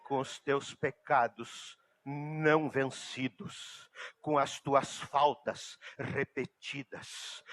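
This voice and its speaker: Delivering his sermon with emphasis, the male pastor moves from quiet, slow stretches to sudden loud bursts in a high pitch.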